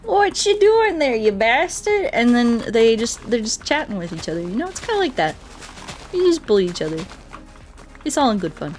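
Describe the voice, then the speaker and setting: A woman with a slightly high, somewhat dark voice talks fairly quickly, her pitch swinging widely as she streams a game. She chats playfully and self-deprecatingly with viewers, reading their comments aloud over game music.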